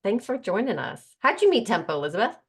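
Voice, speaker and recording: A woman hosting a casual group video call, chatty and quick to introduce and connect people. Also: medium pitch, big pitch swings, husky. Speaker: host.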